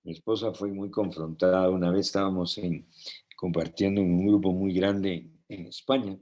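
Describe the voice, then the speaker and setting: This male preacher has a low, warm voice and a steady tone at an ordinary pace. His sermon is conversational, full of personal anecdotes told with gentle laughter, and he often uses tag questions to engage the audience.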